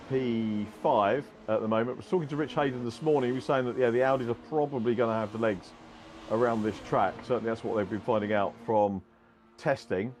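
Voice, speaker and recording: A man's voice: lowish voice, darkish tone. Rambling male motorsport commentator, faint noise behind. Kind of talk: conversational race commentary and analysis.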